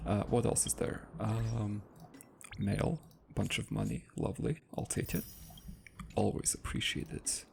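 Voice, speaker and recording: A man's voice: on the low side, measured pace, vocal fry, darkish tone, a little hiss or hum. A man casually thinking aloud while playing a game and reading its text out as he goes. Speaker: gaming let's-play host.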